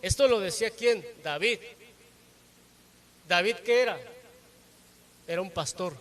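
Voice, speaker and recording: High-voiced man preaching a sermon. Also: unhurried, fairly bright tone. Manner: frequent tag questions to the congregation; teaching tone with rhetorical questions.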